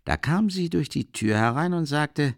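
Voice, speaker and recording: Guy putting on a chatty worldly middle-aged man, voice pushed higher, gravelly edge, rambling on. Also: animated, moderate pace, no room sound, studio quality. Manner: raised, wondering, chatty voice. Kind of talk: audiobook character reading.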